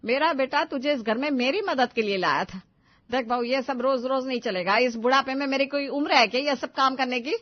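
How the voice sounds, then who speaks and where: A woman voicing a loud, bossy older mother-in-law who scolds in shrill outbursts, on a dull, dry recording. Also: fairly quick, no room sound, lightly acted. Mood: indignant.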